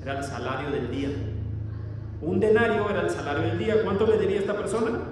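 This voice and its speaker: Man preaching in church, high voice, lots of echo, mic kinda far, faint background noise. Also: fast talker. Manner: asks the congregation questions and explains verses. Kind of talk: sermon. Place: church hall. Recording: echoey church hall, distant mic.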